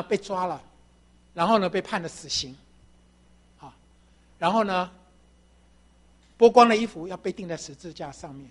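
A woman preaches a sermon with storytelling flair. Her voice swings widely up and down in pitch as she asks the congregation questions. She acts out the voices of the people in her story. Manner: animated storytelling with rhetorical questions.

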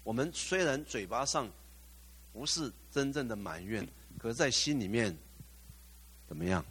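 A man's voice: medium pitch, expressive, normal speed, a bit bright, breathy edge. A male pastor preaching a sermon, putting questions to the congregation, slipping in English phrases and rising to fervent exclamations.

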